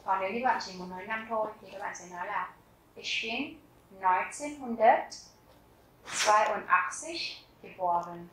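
A woman in her thirties giving a language lesson, repeating each example phrase slowly and deliberately. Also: medium pitch, fairly even intonation, fairly bright tone, far from the mic, slight background noise. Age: 30s. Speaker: German teacher. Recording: very echoey room.

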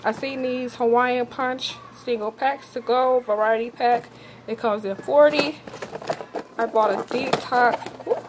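Young woman vlogger rambling through her grocery haul, kinda high voice, phone cam in the kitchen, noisy background. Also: steady tone, a little slow. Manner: casual, chatty, addresses viewers as y'all, lists items with many fillers. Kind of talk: casual grocery haul walkthrough. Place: home kitchen, indoors.

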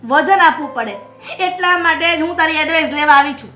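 A shrill flattering schemer. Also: female voice, a little fast, reverberant, faint music behind. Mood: scheming. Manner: flattering, conspiratorial. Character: scheming young woman seeking advice.

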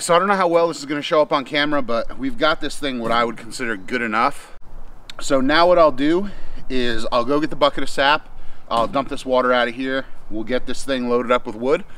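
A man in his thirties, outdoors in a snowy yard, casually explaining a homestead task step by step in a relaxed, thinking-aloud way. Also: medium pitch, fairly quick, slight background noise. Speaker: homesteader vlogger. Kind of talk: casual how-to narration. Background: background music.

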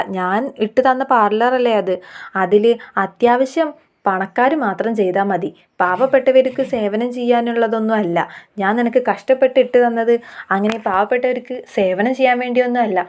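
A haughty, wealthy middle-aged mother-in-law from a television serial, sneering at poor people, read out by a Malayali woman. Her voice sits a little high. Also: normal speed, close to an everyday voice. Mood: scornful.

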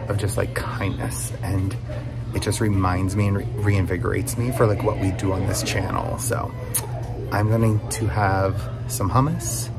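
Loud music plays behind this deep, steady voice as an American man in his thirties talks chattily in a home vlog. He speaks a little slowly with vocal fry, congested and losing his voice to a cold, filming himself indoors with a phone or camera at arm's length.

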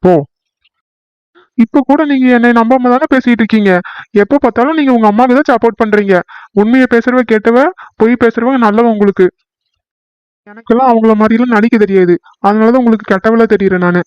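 A man voicing a fiery young village wife in a cartoon, who talks in a shrill, accusing, indignant way. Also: fairly even intonation, brisk, pauses often, clean tone, no room sound, lo-fi sound.

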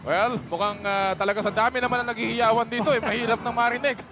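A man calling a live basketball game play by play, excitable and mixing English with Tagalog. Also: very high voice, fast, background noise. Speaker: play-by-play announcer. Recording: archival broadcast over loud arena crowd. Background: roaring arena crowd.

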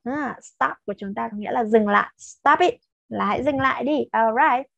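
A woman's voice: on the high side, normal speed, vocal fry, a bit bright, no room sound, dull audio. A woman with a Vietnamese accent teaching English to children, patiently mixing Vietnamese explanations with repeated English drill words. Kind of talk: slow lesson with repeated pronunciation drills.

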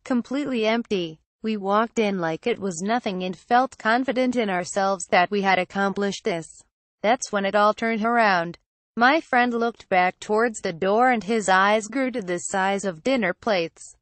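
A woman reading a horror story aloud in a steady, somber storytelling manner. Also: medium pitch, normal speed, dry recording. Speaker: narrator.

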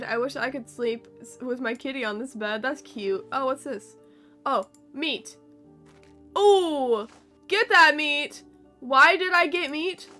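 Bright, chatty young woman gaming. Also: high-pitched. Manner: chatty, playful, exclaiming. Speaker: streamer. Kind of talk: let's-play commentary.

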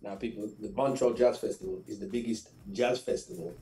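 A middle-aged man from England, a radio show guest telling lively anecdotes with laughs and repeated phrases. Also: on the low side, brisk, roomy sound, soft background music, low-quality recording. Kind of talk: casual interview storytelling.

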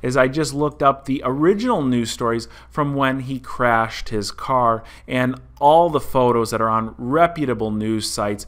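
A man in his thirties hosts a car vlog from an indoor room, speaking into a desk mic. His voice is bright and forward, with a mid-range pitch. He talks viewers through each point in a chatty, explanatory way. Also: unhurried, hardly any pauses. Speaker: car channel host. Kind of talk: casual vlog commentary. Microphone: desk mic in front.

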